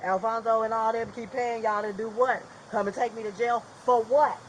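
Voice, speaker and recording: A distressed, defiant woman shouting and swearing outdoors at a house, caught on a police body camera. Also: on the high side, steady tone, normal speed. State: distressed, crying out. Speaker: detained woman in police bodycam footage. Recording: loud noisy outdoor bodycam audio.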